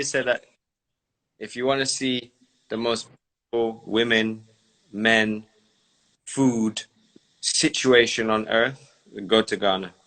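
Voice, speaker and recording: A man hosting a livestream, chatting with callers in a relaxed, brief way. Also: on the low side. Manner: laid-back, relaxed, brief replies. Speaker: livestream host. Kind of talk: casual chat.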